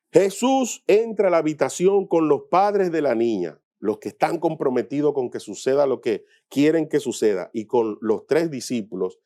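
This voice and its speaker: Slow, mellow-voiced preaching man. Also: a little high. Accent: Dominican Spanish. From Dominican Republic. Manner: slow, emphatic preaching with repeated phrases. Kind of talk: sermon-style Gospel reflection.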